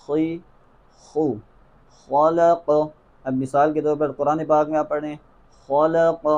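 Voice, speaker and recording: Pakistani urdu accent guy teaching quran recitation, a bit high voice, repeats each letter slowly. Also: a little mellow. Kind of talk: tajweed lesson.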